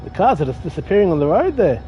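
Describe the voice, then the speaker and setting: His voice sits high, swings a lot in pitch, and he talks fast while playing a train driving game. This gaming streamer's casual commentary rambles, with jokes at his own expense and mild swearing, over dull lo-fi audio with faint game noise.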